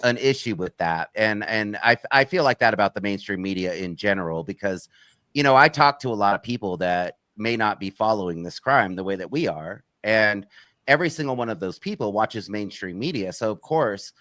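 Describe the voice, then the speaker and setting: Bright, dry-voiced man on a call. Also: fairly low pitch, lively intonation, brisk, dry recording. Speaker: true-crime channel creator and guest. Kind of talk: casual panel discussion.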